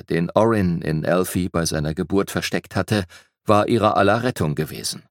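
Male audiobook narrator, low voice, gravelly texture, dry close sound, lively storytelling. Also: dry recording. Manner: lively storytelling with shifting pitch for emphasis. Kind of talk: scripted narration of a children's fantasy book.

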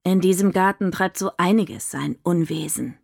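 A woman reading a storybook, voicing a bold young girl who is eager and quick to act. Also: lowish voice, gravelly, a little mellow. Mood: teasing.

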